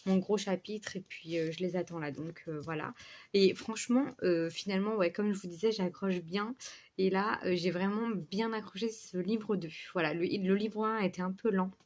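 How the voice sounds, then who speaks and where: A woman chatting casually to her book vlog in a rambling, scatterbrained way, with a slight lisp on her words. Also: mid-range voice. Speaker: book vlogger.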